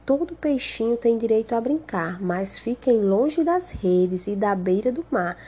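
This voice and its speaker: An old father fish from a children's storybook gives an earnest warning to his young, as a woman reader puts him on. The voice sits fairly high and stays close to her own reading voice. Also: animated, a little slow, dark tone.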